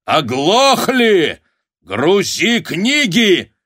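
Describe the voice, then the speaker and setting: A man voicing an imperious, gruff landowner who barks orders. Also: mid-range voice, slow, pushed and bright, no echo, clean studio sound. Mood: commanding. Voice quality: gruff, barking. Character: imperious middle-aged landowner, gruff and barking. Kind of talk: audiobook character voice.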